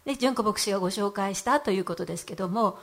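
A woman's voice: medium pitch, fast talker. A middle-aged woman giving a heartfelt church testimony in an earnest voice, with frequent hesitant fillers.

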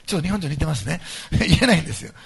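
A male pastor preaching a sermon to his congregation, emphatic and animated, moving between soft asides and loud stressed points. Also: on the high side, racing, vocal fry, breathy edge.

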